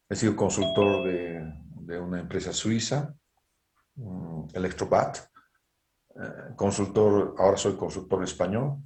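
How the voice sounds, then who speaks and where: A middle-aged man with a Bolivian Spanish accent gives an online university engineering lecture over a video call, often tagging his points with a rhetorical "¿no es cierto?" to check in. His voice is low with a darkish tone, and the sound is roomy.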